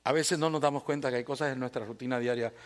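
A man preaching a sermon as pastor, swinging between loud bursts and hushed asides, with playful humor. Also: medium pitch, fairly even intonation, fast talker.

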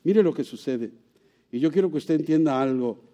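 A man giving a sermon as pastor, asking rhetorical questions and swinging from loud, high passages to soft, low ones. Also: animated, moderate pace.

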